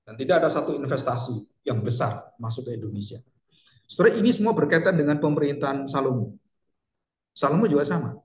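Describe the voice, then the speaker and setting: A man's voice: medium pitch, expressive, a little fast, roomy sound, a little hiss or hum. A male pastor preaching a sermon emphatically, asking rhetorical questions and speaking straight to the congregation.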